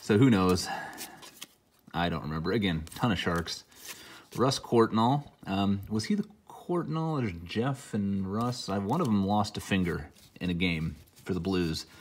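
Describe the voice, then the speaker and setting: A middle-aged man who is a little under the weather, giving casual, rambling commentary with dry asides as he hosts an unboxing. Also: low-pitched. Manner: rambling, dry asides while naming cards. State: under the weather, mildly sick. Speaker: host opening hockey card packs. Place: indoor room at a table, hobby display behind.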